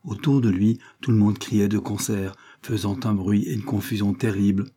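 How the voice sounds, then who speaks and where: A man narrates a classic novel for an audiobook, reading in a measured, even manner. His voice sits low and warm, with a faint husky edge. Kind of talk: scripted narration.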